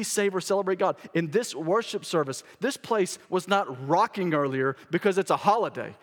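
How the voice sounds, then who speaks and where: A male pastor delivers a sermon in a church sanctuary, his voice sitting a little high for a man. He presses his points by repeating them, and the big room adds a long reverb tail. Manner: emphatic, repeats key phrases for stress.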